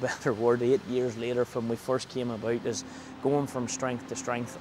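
A chatty, jokey man hosts a casual interview, his voice sitting in a middle pitch. He is recorded outdoors in a farm yard. Faint noise and passing vehicles sit behind him. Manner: chatty and jokey, with frequent laughs. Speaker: interviewer and show host.

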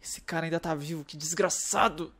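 A man's voice: a little high, fairly even intonation, a little fast, a bit bright, slightly rough. A man with a Brazilian accent chatting casually through a roleplay game, jumpy and full of anxious exclamations. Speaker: youtuber playing a roleplay game. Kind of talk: casual roleplay gameplay chat.

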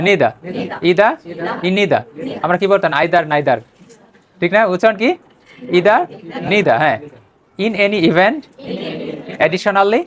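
Male English teacher, Bengali first language, runs a repeat-after-me pronunciation drill. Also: high voice. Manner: reads each phrase and has listeners repeat it; checks in with short prompts after phrases.

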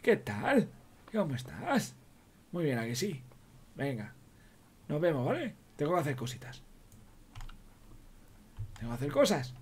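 A man's voice: a little high, very animated, a little slow, pauses often, breathy edge. A man with a Spain Spanish accent doing in-character game role-play commentary, joking, swearing, talking to himself and cooing at animals. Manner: jokey, swears a lot, talks to himself and coos at animals. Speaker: roleplay streamer.

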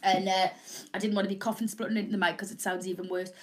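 Rapid-fire and level in tone, a medium-pitched middle-aged woman with a Northern English accent rambles through jokey, chatty live home shopping patter. She's got a cold, so she's snotty and coughs. She's recorded in a small indoor room on a camera mic a short distance away, not a proper mic.

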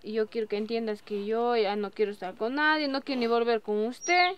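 A woman's voice: fairly high pitch, a little fast, a little hiss or hum, natural voice. A woman playing a proud young rural wife who stands up to her in-laws, blunt and firm. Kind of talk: amateur drama skit.

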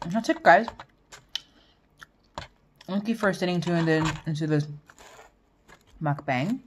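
A woman's voice: lowish voice, slow pace, a little hiss or hum. A woman vlogger chatting casually to viewers while eating, humming between bites. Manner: chats between bites with eating sounds and hums. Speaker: mukbang vlogger.

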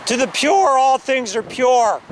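A man with a very high voice preaches loudly and insistently in an outdoor church parking lot, then calms into an earnest debate with a passerby at a measured pace. The low-quality camera recording carries wind noise.

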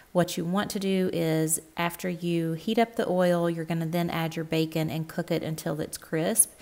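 A woman talks through a recipe in a voice sitting a little low. She gives friendly, step-by-step directions, like a home cook narrating her own kitchen video. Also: a little mellow. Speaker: cooking channel host. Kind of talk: cook-along voice-over narration.

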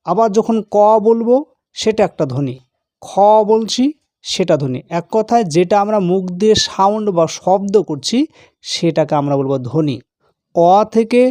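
A man's voice: sits high, warm tone, no room sound, studio quality. A man teaching a grammar lesson in a patient, repetitive way, asking the learner questions as he explains. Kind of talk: classroom-style grammar lesson.

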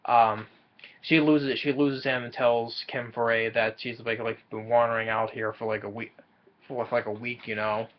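Young man, movie recap vlog, halting and repetitive delivery, mid pitch, slightly muffled webcam audio. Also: flat delivery. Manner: halting, stumbling over repeated words. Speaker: movie reviewer. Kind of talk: casual plot recap. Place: small room indoors.

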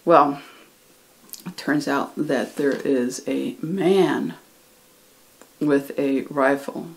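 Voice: mid-range voice, very slow, gravelly. A conversational teacher retelling a story. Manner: loose and conversational, with frequent restarts and acted quotes. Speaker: ESL reading teacher. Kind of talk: casual retelling of a book chapter.

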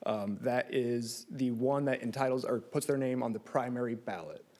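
A man's voice: medium pitch, normal speed, a little mellow. A man in his thirties delivering a formal legal argument at a courtroom lectern. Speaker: lawyer arguing an appeal. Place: large courtroom. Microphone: lectern microphone.

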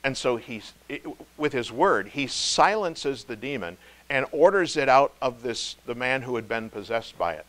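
A male pastor giving a devotional sermon, emphatic, slowing to stress key words and dropping low and soft. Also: animated. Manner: emphatic, slow stress on key words, wide swings in loudness.

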